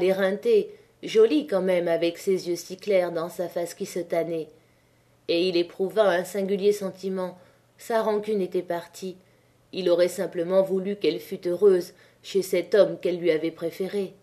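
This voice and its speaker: Warm-voiced woman reading a novel aloud. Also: lowish voice. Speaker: audiobook narrator.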